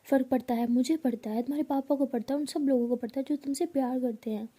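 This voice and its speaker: An exasperated best friend, played by a woman storyteller, blunt and scolding but caring underneath. Her voice is high, with a dark, husky tone. This is storybook narration. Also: fairly even intonation, fast.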